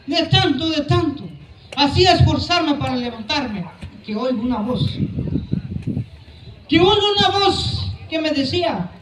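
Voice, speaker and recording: A man with a very high, bright, ringing voice gives his testimony at a church service. He preaches fervently, often breaking into shouts and repeating phrases. The recording has an echoey church room sound. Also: far from the mic, slight background noise. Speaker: church member giving testimony.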